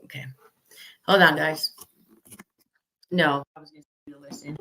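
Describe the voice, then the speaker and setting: A woman's voice: low voice, steady tone, measured pace, a bit bright, low-quality recording. A woman hosting a casual livestream rant, blunt and profane, her volume uneven because her mic keeps cutting in and out. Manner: blunt and profane, stumbling restarts. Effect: uneven volume from an unplugged mic cutting in and out. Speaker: livestream host.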